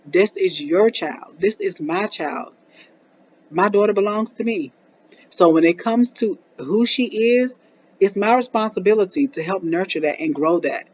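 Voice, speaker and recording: A woman's voice: medium pitch, measured pace, breathy edge, lo-fi sound. A woman, talking casually to camera as a parenting vlogger and acting out little scenes with her daughter. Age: 40s. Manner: animated storytelling, acts out her daughter and herself.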